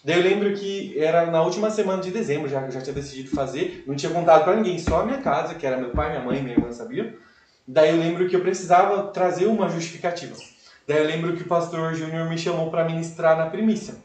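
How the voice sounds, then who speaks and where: A young man tells his story as a podcast guest, animated and full of fillers. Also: fairly high pitch, fast. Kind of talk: casual testimony storytelling. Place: live event room. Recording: echoey room, voice far from mic.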